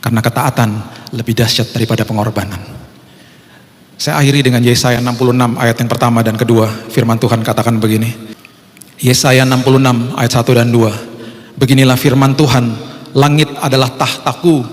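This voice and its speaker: A man preaching a storytelling sermon as pastor in a church, lively and humorous, acting out the people in his story. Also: mid-range voice, brisk, slight background noise. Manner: lively and humorous, acts out voices. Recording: echoey church hall.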